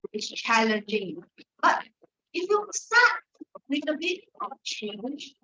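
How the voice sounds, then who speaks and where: Bright, high-voiced Malaysian woman, Singlish style. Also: sing-song, slow. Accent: Malaysian English. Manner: colloquial Singlish-style particles. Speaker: toastmasters meeting speaker and host. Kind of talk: informal club speech and hosting. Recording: dull, lo-fi sound.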